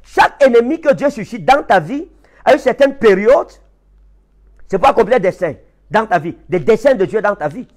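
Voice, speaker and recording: A man with a Cameroonian French accent preaching a sermon, emphatic, swinging from high impassioned peaks to low quiet passages. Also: expressive, moderate pace. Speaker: prophet preacher.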